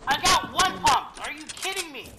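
A man's voice: very high-pitched, lively intonation, normal speed, very noisy. A man gaming and swearing in frustrated outbursts, his voice clipping and distorting through an overdriven mic. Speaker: gamer. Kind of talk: raging gameplay commentary.

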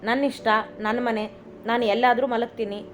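Woman voicing a young husband, teasing, mock-stern, fairly high flat voice, faint music. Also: moderate pace, a little hiss or hum, lightly acted. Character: young husband teasing his wife with fake anger. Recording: slightly dull recording, faint music.

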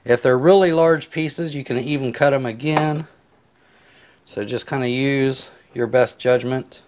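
A man talks through a simple recipe while he cuts and seasons, unhurried and a little rambling. His voice sits in an ordinary middle register, picked up close on a clip-on mic in a home kitchen. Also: mid-range voice, background noise. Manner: relaxed, rambling step-by-step explanations with filler words. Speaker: home cook. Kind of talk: casual cooking tutorial. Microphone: clip-on lapel mic.

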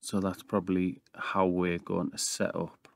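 A man's voice: low-pitched, completely flat delivery, unhurried, vocal fry, dry recording. A man in his thirties hosting casual video game commentary, recorded in an attic room. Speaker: YouTube gaming host. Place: small brick-walled attic room.

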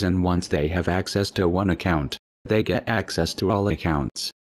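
A man speaking through a disguised deep voice, reading a cold, measured scripted statement as an anonymous spokesman. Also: darkish tone.

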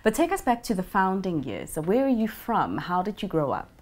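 A woman's voice: mid-range voice, wildly swooping pitch, brisk. A woman in her thirties hosting a television business interview, asking upbeat, probing questions in an office. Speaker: TV business show host. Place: office with window blinds. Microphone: lapel mic.

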